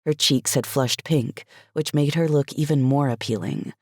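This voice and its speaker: A woman reading a first-person cozy mystery audiobook as an expressive, light storytelling narrator. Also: deep voice, normal speed, dry recording, studio quality.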